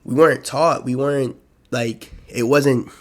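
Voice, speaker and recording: A young American man talking straight to his channel in a loose, rambling way. He drifts between points with plenty of slang and fillers, at an everyday middle pitch. The tone is relaxed and unscripted, a solo chat with viewers. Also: a little slow. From United States. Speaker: YouTube vlogger. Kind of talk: casual solo talk to camera.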